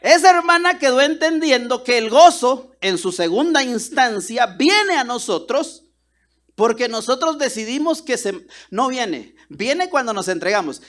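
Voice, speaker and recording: Male preacher, high and animated, tells stories and voices every character. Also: a little slow. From Guatemala. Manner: animated, acts out dialogue with voices. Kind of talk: sermon with storytelling.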